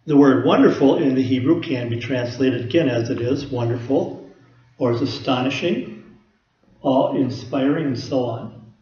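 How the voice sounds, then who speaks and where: A man's voice: mid-range voice, moderate pace, echoey room, lo-fi sound. A man preaching a conversational teaching sermon, explaining scripture with everyday personal examples. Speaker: pastor.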